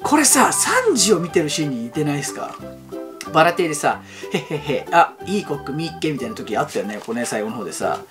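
A man hosting a fan channel, giving excited reaction commentary and talking in an excitable, rapid-fire way. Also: a little high, music in the background. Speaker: YouTube fan channel host.

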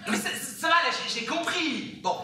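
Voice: high-pitched, normal speed, lightly acted. Un acteur en gaffeur naïf et empressé. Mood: bumbling. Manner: fumbling, stammering, eager. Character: naive clumsy middle-aged man, eager to help. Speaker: stage actor. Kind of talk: amateur stage comedy acting. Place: theater stage. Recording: echoey theater from far off, noisy.

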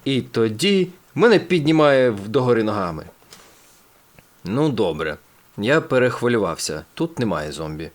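A man's voice: fairly low pitch, very animated, normal speed. A man reading a children's audiobook aloud, telling the story with expression. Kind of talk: audiobook narration.

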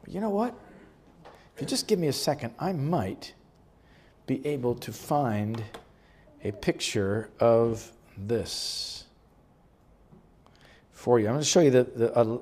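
A man giving a chatty, relaxed presentation about a health retreat to a church group, showing slides and chuckling often. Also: mid-range voice. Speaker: guest speaker presenting a health retreat ministry. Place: church meeting room.

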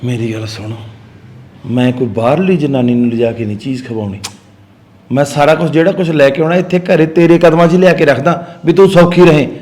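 An actor with a Punjabi accent playing a boastful, scheming village husband who brags loudly and mocks his wife. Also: fairly high pitch, brisk, lightly acted. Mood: stubborn. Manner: swaggering, loud boasts, mocking. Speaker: actor in a short film. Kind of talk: village drama acting.

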